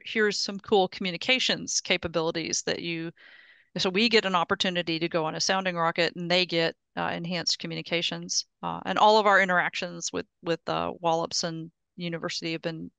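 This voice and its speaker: Speaking on the low side with vocal fry, this middle-aged woman has a sharp, clean tone and no echo in the audio. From a home office, she presents her project to an engineering meetup over a video call on a headset mic. The update stays casual as she explains each step, frequently starting sentences over.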